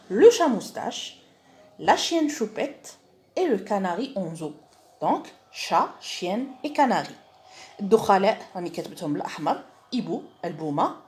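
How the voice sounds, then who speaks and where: Lively Algerian woman teaching French. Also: mid-range voice. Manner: switches between French and Arabic dialect, spells out words slowly; speaks slowly and clearly when reading aloud, quick when explaining. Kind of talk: online lesson for young pupils.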